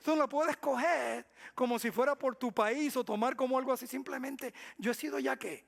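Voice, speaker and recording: A male pastor preaching a sermon, asking the congregation questions and answering them himself, moving between loud emphatic lines and soft asides. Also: very high-pitched, normal speed, creaky. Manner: call-and-response questions to the congregation.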